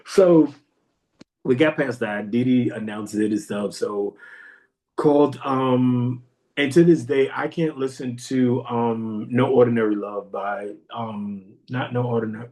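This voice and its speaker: A man hosting a podcast who tells a story in a casual monologue, animated, repeating phrases and jumping high when he quotes himself. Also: unhurried. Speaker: podcast host.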